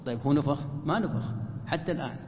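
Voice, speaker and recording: This explanatory religious lesson is a Quran commentary in which a man keeps asking rhetorical questions and supplying his own answers. He speaks fast and expressively in a slightly high voice. The sound is muffled and lo-fi, with the echo of a large hall.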